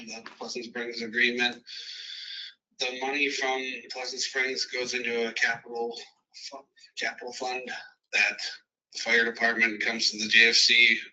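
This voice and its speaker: A man, a fire chief, heard on speakerphone and reporting to a committee meeting, halting with frequent ums and restarts. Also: mid-range voice, bright, forceful tone. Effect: heard over a phone on speakerphone. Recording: distant speakerphone sound in a meeting room.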